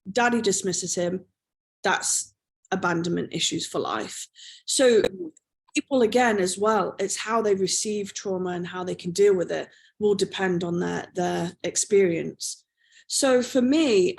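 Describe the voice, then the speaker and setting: A woman's voice: medium pitch, vocal fry. A woman practitioner explaining trauma release exercises as an interview guest, patient and explanatory, checking in with "okay?" and "you know".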